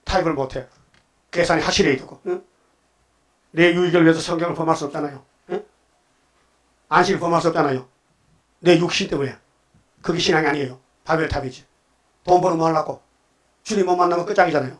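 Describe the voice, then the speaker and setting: A man's voice: fairly high pitch, fast talker, pauses often. A male pastor preaching a sermon, emphatic and full of rhetorical questions to the congregation, sometimes acting out quoted voices. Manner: acts out quoted voices of God and the devil.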